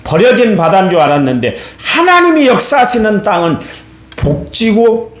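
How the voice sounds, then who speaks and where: A man preaching a dawn service sermon as pastor, colloquial and animated, acting out people's complaints. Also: high voice, normal speed. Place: church sanctuary. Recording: echoey church hall, faint hum.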